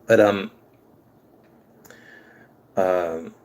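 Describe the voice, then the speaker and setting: A conspiracy video creator from Lebanon gives a rambling, casual monologue to the camera, addressing his viewers directly and restarting often. His low voice is fairly even in intonation, slightly mellow, and extremely slow.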